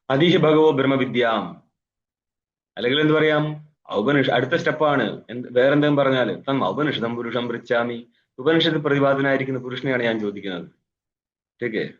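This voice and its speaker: A man's voice: mid-range voice, lo-fi sound. A man teaching a scripture class as a swami, explaining by asking questions and answering them himself, with Sanskrit recitation and wry asides. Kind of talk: philosophy class lecture. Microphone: online video call.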